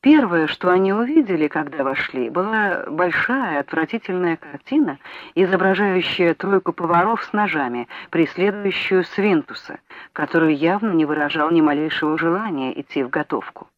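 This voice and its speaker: A woman narrating an audiobook in a measured, even reading voice. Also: on the low side, no echo. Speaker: audiobook reader. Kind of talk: scripted narration. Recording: dull lo-fi audiobook recording, dry.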